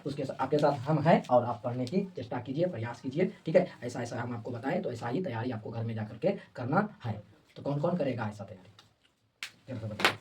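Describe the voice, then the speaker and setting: A man's voice: mid-range voice, darkish tone, distant mic. A male teacher gives a motivational study lesson, repeating points and asking and answering his own questions.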